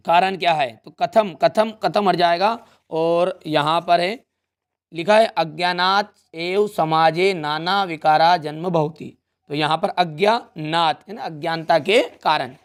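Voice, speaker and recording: A man's voice: sits high, fairly bright tone, clear, resonant tone. A young man teaching an exam revision lesson, explaining step by step in a friendly way and often checking in with his students.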